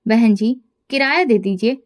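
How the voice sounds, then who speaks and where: A polite, kind young bus conductor, read out by a woman narrator with a high, light voice. He sounds gentle and respectful in a storybook way, close to the reader's own voice. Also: normal speed, close to an everyday voice.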